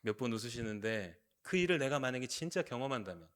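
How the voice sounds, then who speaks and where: A male pastor preaching a sermon, moving between quiet storytelling and loud, emphatic appeals. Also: medium pitch, lively intonation, fast. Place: church sanctuary.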